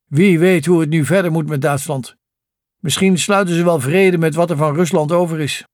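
A man voicing a stern old male wartime leader with a dark, lisping, growling voice in an audiobook. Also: on the high side, steady tone, moderate pace, dry recording, clean studio sound, close to an everyday voice.

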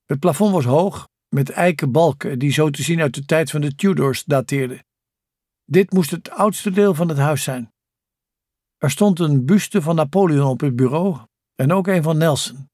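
A man narrating a novel as an audiobook in calm, even scripted storytelling. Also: a little high, normal speed, dry recording, clean studio sound.

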